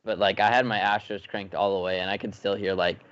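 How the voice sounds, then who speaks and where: Man, lowish voice, laid-back, lots of fillers, somewhat dull lo-fi mic. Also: fairly even intonation, a little fast, fairly bright tone. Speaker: podcast co-host, competitive gamer. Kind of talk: casual chat.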